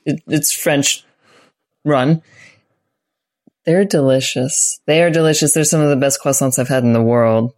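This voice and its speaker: A woman with a low voice chats casually on a tabletop game podcast. She talks earnestly and with real enthusiasm. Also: steady tone, unhurried, long pauses, darkish tone. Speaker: player.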